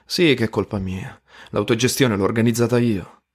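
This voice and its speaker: A man voicing a calm, dry-witted older schoolboy. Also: lowish voice, normal speed, husky. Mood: concerned. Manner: unruffled, dry wit. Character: calm, easygoing older male student leader.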